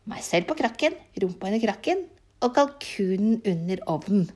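A woman voicing a sly, greedy male fox trickster who talks loudly and demandingly in a folk tale. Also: mid-range voice, sing-song.

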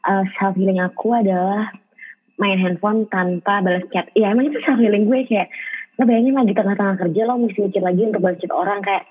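A young woman from Bekasi with a husky voice, chatting in relaxed, rambling slang. She sounds thin and tinny, as if she is on a phone line. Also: medium pitch, fairly quick. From Bekasi, Indonesia. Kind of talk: casual chat.

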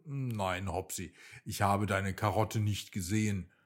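Storybook owl: wise, helpful female bird, calm and reassuring, voiced by a man, husky tone. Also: on the low side, takes it slowly.

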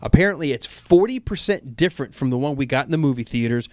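A man co-hosts a casual entertainment chat. He explains things like a storyteller in a mid-pitched voice, recorded close and dry. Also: expressive, quick pace, a little mellow, no room sound. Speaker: show co-host.

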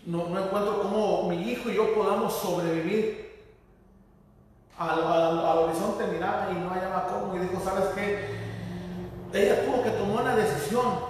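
Man, sermon, halting and repetitive, high voice, long hall reverb. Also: steady tone, slight background noise. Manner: halting, repeats words, tells the story with feeling. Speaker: preacher. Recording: echoey hall from far off.

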